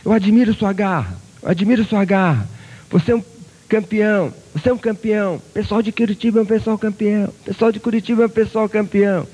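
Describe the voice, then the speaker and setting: Give me a man doing a cheering mountain echo in a lecture story, high-pitched and loud. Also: fairly quick, slightly rough. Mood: exultant. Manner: loud, high and exultant repetition.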